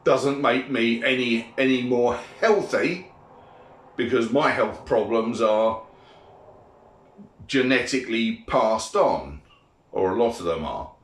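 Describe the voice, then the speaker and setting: A man's voice: mid-range voice, animated, slow pace, long pauses. A middle-aged British man giving a blunt, sweary opinion monologue in a grumpy old man's grumbling manner. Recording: echoey room.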